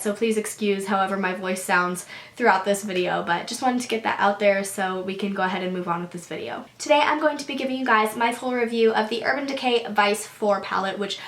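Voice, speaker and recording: A woman's voice: mid-range voice, fairly bright tone. A young woman in her twenties with a congested voice that has not fully recovered, chatting casually through a product review to camera, full of "like" and "so". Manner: chatty, frequent "like" and "so". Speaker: beauty vlogger. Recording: roomy echo.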